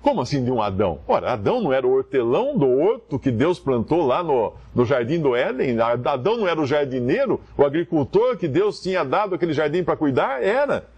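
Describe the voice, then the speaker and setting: Homem expressivo com sotaque brasileiro. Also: male voice, fairly high pitch, a little fast, few pauses, slightly rough, dull audio. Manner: expressive, reads scripture aloud with feeling. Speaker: Bible teacher. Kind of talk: Bible teaching talk.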